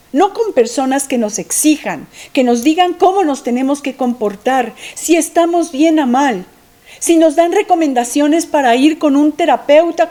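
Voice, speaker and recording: A woman giving a reflective lecture on grief, asking herself questions and dropping at times to a soft near-whisper. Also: sits high. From Mexico. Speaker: thanatology lecturer.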